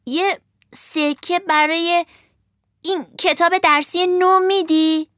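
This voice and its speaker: A woman's voice: extremely high pitch, fairly even intonation, fairly bright tone, dry recording, clean studio sound, voice pushed up. A woman voicing a naive wooden puppet boy who bargains in a pleading, hesitant way.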